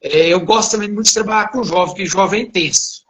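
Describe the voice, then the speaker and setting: Man, high voice, bright tone, animated storyteller, preacher. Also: fast. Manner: animated, acts out dialogue in his story. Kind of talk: casual storytelling testimony.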